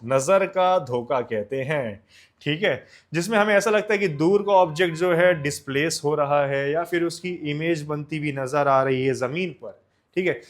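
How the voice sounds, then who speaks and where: Young man from India, science teacher, slightly high voice, explains in Hindi and English, keeps checking students follow, drills with self-answered questions. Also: moderate pace. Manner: asks questions and answers them himself, often says "ok na"; addresses students as children, mixes Hindi and English. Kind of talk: exam-focused science lecture.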